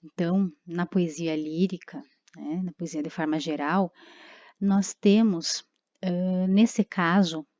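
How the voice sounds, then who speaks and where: A woman's voice: lowish voice, fairly even intonation, slow pace, darkish tone, no echo. Woman teaching in a dull recording. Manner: explanatory, many tag questions and fillers. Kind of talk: recorded online lesson.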